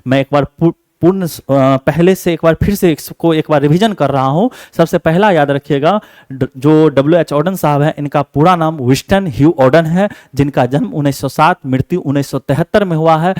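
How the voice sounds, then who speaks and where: A man's voice: a little high, normal speed, a little mellow, dry recording, clean studio sound. Man teaching with repeated questions. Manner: repeats points as questions and answers them. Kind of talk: exam-focused lesson.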